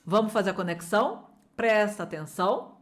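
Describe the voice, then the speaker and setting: A woman's voice: mid-range voice, moderate pace. A woman with a Brazilian Portuguese accent teaching an online English lesson, drilling phrases and coaxing viewers to repeat aloud.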